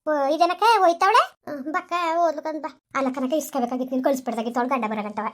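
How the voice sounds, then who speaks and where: A woman acting as a worried village mother in a hobby drama, talking fast and emotionally. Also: high voice, close to an everyday voice. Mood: sorrowful.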